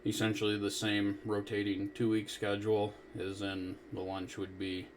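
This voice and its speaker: Male net control operator, low and even, heard through a two-way radio on an amateur net. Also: normal speed. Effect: two-way radio transmission. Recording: noisy radio transmission.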